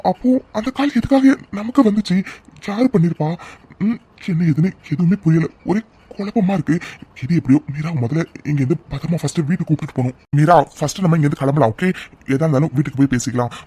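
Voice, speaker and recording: Voice actor as a protective big brother, firm, concerned, quick, mid pitch. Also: dark tone, slightly rough, lightly acted. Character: protective older brother, stern young man.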